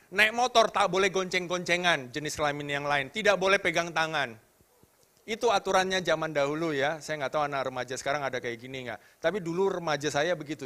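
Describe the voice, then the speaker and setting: Bright-voiced, animated male preacher. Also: on the high side. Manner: animated, rising to loud emphatic questions, drops to soft tender tones. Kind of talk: sermon to youth.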